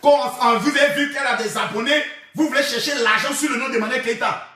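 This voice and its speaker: Loud mocking live-streamer man. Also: extremely high pitch, fast talker. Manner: shouting, chanting and mocking, with bursts of laughter. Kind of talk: rowdy live-stream commentary. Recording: echoey room, far from the mic.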